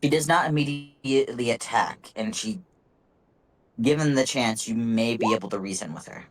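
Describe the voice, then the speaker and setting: A man's voice: medium pitch, lively intonation, moderate pace, rough recording. A man running a tabletop fantasy game, moving between descriptive narration and casual talk with players. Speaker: game master.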